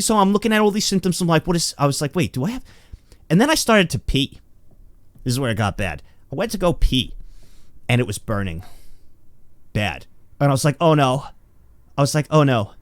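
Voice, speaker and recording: A young man tells a wild personal story with lively, stammering energy, his pitch swinging high and low. His voice is bright and forceful. It is recorded dry and close, with no room sound. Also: no echo. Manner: animated, stammering, acts out voices. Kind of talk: casual comedic storytelling.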